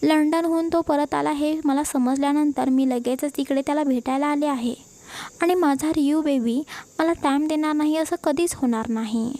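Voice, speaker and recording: Woman doing a boastful spoiled young woman, high voice, gravelly. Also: steady tone, moderate pace, dark tone, dry recording. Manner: boastful, self-assured.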